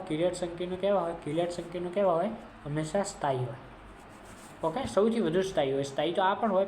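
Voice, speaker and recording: A woman's voice: fairly low pitch, a little mellow. Gujarati woman teaching in an echoey room. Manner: asks questions and answers them herself. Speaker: chemistry teacher. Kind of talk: exam revision lesson. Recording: echoey room, faint background noise.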